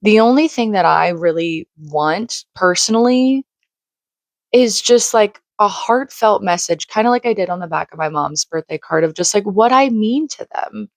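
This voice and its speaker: A woman in her late twenties, a vlogger, talks earnestly in a rambling, casual monologue packed with "like," her voice slightly crackly from screaming. Her pitch is medium, her intonation lively, and her pace moderate. She's in a home room beside a shared wall, with no room sound audible.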